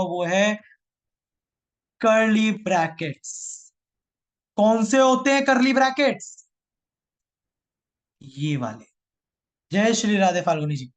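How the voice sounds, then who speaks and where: Male coding teacher, high voice, playful scolding, repeats everything twice for a live class. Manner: teasing, repeats each line twice, mixes English terms into Hindi. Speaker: programming teacher.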